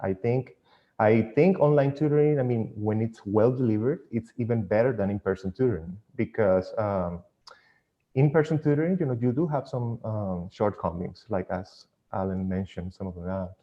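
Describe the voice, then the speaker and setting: Casual male interviewee with a Venezuelan accent, enthusiastic but halting, on a muffled internet call. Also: lowish voice. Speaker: online physics tutor. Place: indoors, speaking over a video call. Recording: dull lo-fi internet call audio.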